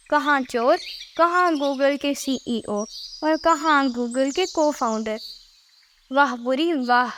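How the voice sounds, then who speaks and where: A woman's voice: high voice, a little hiss or hum. A woman voicing a scolding, sarcastic female bird thief in a cartoon, drawing out her mockery. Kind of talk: cartoon character voice acting.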